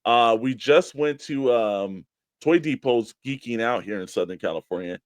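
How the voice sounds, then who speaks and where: An American man co-hosts a toy collecting show, keeping the radio-show chat casual and informal and leaning on spoken emphasis. His pitch sits in the middle, he talks at a normal speed, and there's no echo.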